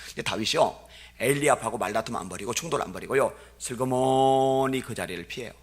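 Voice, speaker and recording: A middle-aged man preaching a revival sermon in a church, moving from chatty asides to loud, climbing peaks as he acts out quoted voices. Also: medium pitch, brisk. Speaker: guest pastor. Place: church sanctuary.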